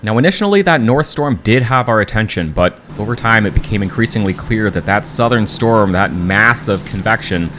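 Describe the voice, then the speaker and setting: A man with a very low voice narrates a storm-chasing story in a scripted, reflective style. Clear vehicle noise runs behind his words. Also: animated, moderate pace, hardly any pauses, a bit bright.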